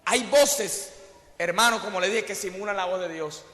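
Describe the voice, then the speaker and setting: High-pitched, impassioned male preacher. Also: moderate pace, bright, forceful tone. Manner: impassioned, fills phrases with "aleluya" and "hermano". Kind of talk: sermon. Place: church. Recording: echoey church hall reverb.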